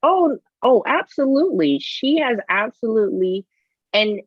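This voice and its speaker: A woman's voice: a little high, animated, unhurried, breathy edge, no room sound, lo-fi sound. A woman co-hosting a casual podcast chat, thinking aloud and restarting her sentences. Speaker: podcast co-host.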